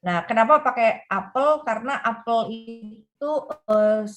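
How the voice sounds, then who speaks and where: A woman's voice: a little high, measured pace, soft background music. A woman, a parenting book author, explains her ideas in an interview and keeps tagging her sentences with "gitu ya". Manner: explains with frequent "gitu ya" tags and quoted examples.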